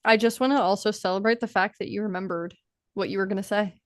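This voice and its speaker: A woman from the Cincinnati area talks through a live show with her co-host, chatty and earnest. Her voice sits mid-pitch and comes across close and dry, with no room sound. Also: steady tone, fast, dry recording. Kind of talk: casual live-show chat.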